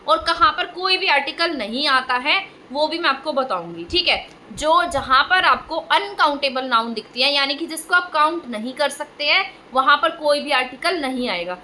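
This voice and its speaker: High bright woman teacher, keeps asking the class questions, faint hiss behind. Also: low-quality recording. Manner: keeps asking rhetorical questions, repeats words slowly. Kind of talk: exam prep grammar lesson.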